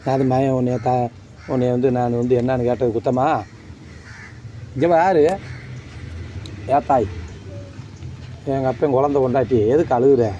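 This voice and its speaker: A man's voice: mid-range voice, flat delivery, normal speed, long pauses, dark tone, lo-fi sound, a little hiss or hum. A man talking outdoors, coaxing and consoling someone in a rambling, repetitive way. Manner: coaxing, rambling, repeats himself. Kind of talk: consoling, street talk.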